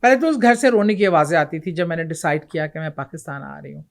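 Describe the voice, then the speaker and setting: A woman's voice: low-pitched, gravelly. A middle-aged woman from Pakistan recounts a ghost story as an interview guest. She tells it vividly, acting out voices and quotes as she goes. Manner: animated, vivid retelling with acted quotes.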